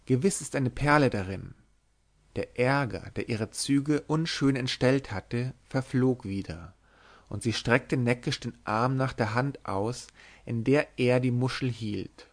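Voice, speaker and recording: Man, audiobook narrator, classic novel, even, measured, middle pitch. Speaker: audiobook reader. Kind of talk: reading a literary novel aloud.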